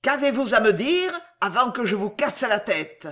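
A reader voicing a gruff, blunt young manservant who scolds and threatens loudly in an audiobook. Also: mid-range voice, very animated, a little slow. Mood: scolding. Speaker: character in an audiobook. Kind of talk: audiobook character reading.

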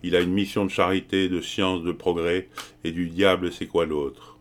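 A man's voice: low-pitched, flat delivery, normal speed, natural voice. A man reading the part of a scheming young colonial brickmaker who speaks in an insinuating, evasive way.

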